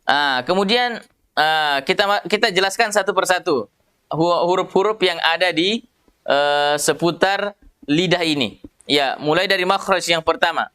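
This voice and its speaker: A man with an Indonesian accent teaching Quran recitation, pitched fairly high with a smooth, resonant tone. He explains patiently in a conversational way, often restarting his sentences. He stretches out single syllables slowly so that learners can copy them. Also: bright, forceful tone. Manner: patient, repeats syllables slowly to demonstrate pronunciation; many fillers and restarts, conversational. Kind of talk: tajwid lesson.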